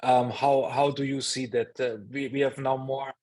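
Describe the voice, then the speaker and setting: A man interviewing, putting his questions in hesitant, halting phrases. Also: mid-range voice, level tone, darkish tone.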